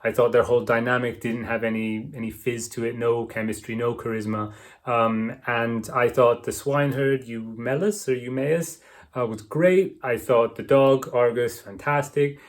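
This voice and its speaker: A man's voice: medium pitch, steady tone, normal speed. A man giving a casual, opinionated review to camera, rambling with lots of fillers and tag questions, talking enthusiastically into a close mic. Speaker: book and film reviewer.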